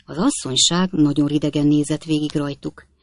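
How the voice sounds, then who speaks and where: Woman, audiobook narrator, calm, even, low voice, dry close recording. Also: no room sound. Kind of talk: scripted narration.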